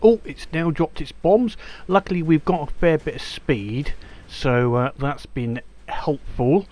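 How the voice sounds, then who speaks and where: A man's voice: fairly high pitch, a little slow, darkish tone. A man giving casual let's-play commentary, chatty and hesitant with many ums and restarts. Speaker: gameplay commentator.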